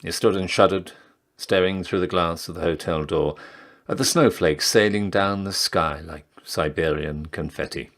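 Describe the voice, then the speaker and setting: A man giving a dramatic literary reading in a declamatory, emphatic town crier manner, with measured phrasing. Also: deep voice, a bit bright. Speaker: reader of a literary story.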